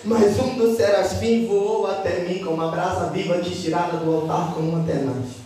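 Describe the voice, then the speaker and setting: A Brazilian man preaches his testimony with fervor, his voice pitched high and breaking into shouts and tongues. He sounds distant from the mic, the words ringing through a very echoey church hall with music softly underneath. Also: steady tone, moderate pace, slight background noise. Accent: Brazilian Portuguese. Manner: fervent, interjects hallelujahs, speaks in tongues, shifts into shouting. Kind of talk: Pentecostal testimony sermon.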